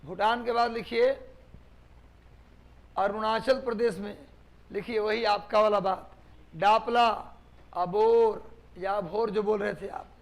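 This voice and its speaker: Man, teacher, high voice, gravelly, drills students by repeating and asking. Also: steady tone, takes it slowly, long pauses. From Bihar, India. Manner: repetitive dictation, drilling students with questions. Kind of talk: live online class lecture.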